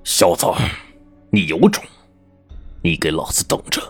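一位男人扮演的蛮横的男帮派头目，低沉沙哑，话里带着狠劲，身后隐约有音乐。. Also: male voice, low voice, huge pitch swings, a little slow, soft background music, full character voice. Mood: menacing. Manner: threatening, gruff. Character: menacing male gang boss.

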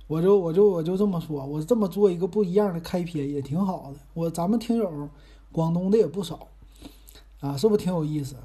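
Husky, mellow Northeastern Mandarin man. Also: a little high, brisk. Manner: chatty, rambling, self-deprecating. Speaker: podcast host. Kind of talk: casual monologue.

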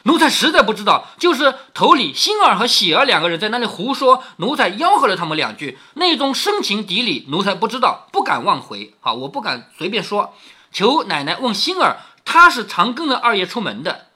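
A man's voice: high-pitched, very animated, brisk, pushed and bright, husky, heavily acted. A man doing an evasive old servant. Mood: pleading. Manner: pleading, deferential. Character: older male servant, timid and evasive.

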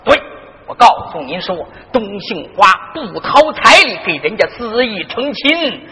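A man's voice: high voice, big pitch swings, unhurried, pushed and bright, in a large hall, slight background noise, heavily acted. A man playing a stubborn, greedy, bad-tempered old father in a Henan zhuizi story performance, barking orders. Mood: angry.

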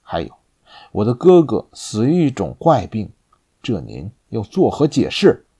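Stern noble lord, firm and measured, bent on vengeance, read by a man. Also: on the low side, wildly swooping pitch, warm tone, breathy edge, heavily acted. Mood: vengeful.

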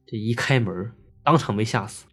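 A man's voice: lowish voice, moderate pace, slightly rough, soft background music. A man telling a ghost story in a chatty, casual way, full of fillers. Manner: chatty, filler-heavy, lively.

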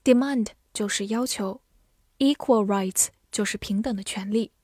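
Slow, deliberate woman teaching English words. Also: medium pitch, darkish tone, no room sound, clean studio sound. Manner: spells words letter by letter and repeats them slowly. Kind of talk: scripted vocabulary lesson.

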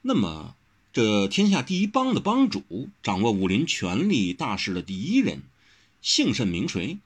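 A man voicing a calm, thoughtful young swordsman who explains things in a measured way, in a storybook reading. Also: fairly low pitch, slightly rough, full character voice.

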